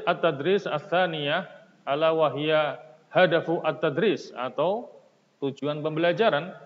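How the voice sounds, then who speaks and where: Male language teacher, slightly high voice, measured unhurried delivery, reverberant muffled recording. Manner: slow, deliberate, translating each phrase. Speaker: Arabic teacher. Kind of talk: recorded classroom lesson.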